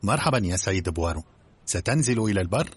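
A timid middle-aged colonel speaks politely and hesitantly, as a man reads him in an audiobook. His low voice is husky and a little flustered. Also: expressive, fast, full character voice.

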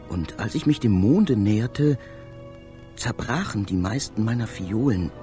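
A male actor gives a theatrical, poetic reading as a dreamy, fervent poet-inventor and space traveller in a literary radio drama. His medium-pitched voice is mellow and natural, and the mood is one of wonder.

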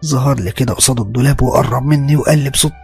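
A man putting on a shaken, pious old woman with an Egyptian accent, pitched high above his usual voice and pushed loud. She talks in a breathless, pleading rush, with a husky, gravelly edge under it. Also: rapid-fire, soft background music. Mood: frightened. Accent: Egyptian Arabic. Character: terrified pious elderly mother-in-law, woman.

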